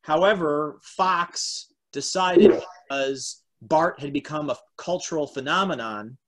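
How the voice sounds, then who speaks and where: This American man in his forties reads stage directions and trivia as host and narrator of a table read held over a video call at home. His voice is a little high and fairly bright, with a measured pace. A computer mic at arm's length picks him up amid call noise and clicks.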